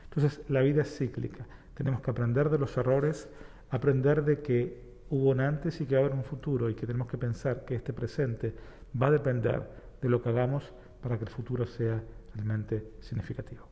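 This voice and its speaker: A man from Argentina with an Argentine accent, a rabbi guest calmly explaining ideas with everyday examples and parables. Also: medium pitch, fairly quick, big-room sound. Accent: Argentine Spanish. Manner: reflective, uses homely examples and parables. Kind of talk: explanatory talk-show conversation.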